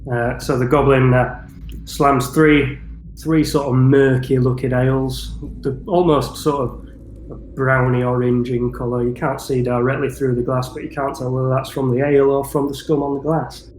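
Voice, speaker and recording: A man narrating as dungeon master, relaxed and halting with fillers. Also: mid-range voice, reverberant, a little hiss or hum, low-quality recording. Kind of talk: narrating a tabletop game.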